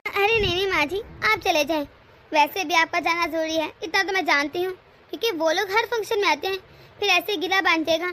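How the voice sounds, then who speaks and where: A patient, dutiful elder daughter-in-law, voiced by a woman in a cartoon family drama. Her very high, bright voice stays accommodating and soothing as she reassures the others. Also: brisk. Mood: placating.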